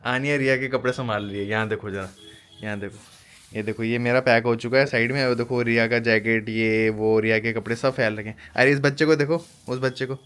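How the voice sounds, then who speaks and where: A man's voice: medium pitch, little pitch movement, a little fast, a bit bright. A young man hosting a casual home vlog, chatting playfully with a laugh in his voice. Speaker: vlog host.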